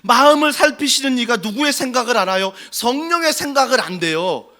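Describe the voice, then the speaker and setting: Pastor guy giving a sermon in church, super high voice, keeps asking the crowd questions. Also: animated, brisk, pushed and bright. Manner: fervent preaching full of rhetorical questions. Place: church sanctuary.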